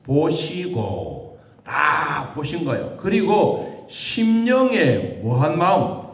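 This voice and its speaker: A man's voice: drawn-out words, vocal fry. A man preaching a sermon as pastor, asking rhetorical questions and acting out the voices he quotes. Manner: animated, with sudden high jumps in pitch and rhetorical questions. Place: church sanctuary. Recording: echoey church hall.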